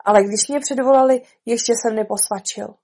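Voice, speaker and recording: A woman's voice: on the high side, fairly even intonation, darkish tone. A woman voicing a nervous hatter who speaks apologetically in a trembling voice.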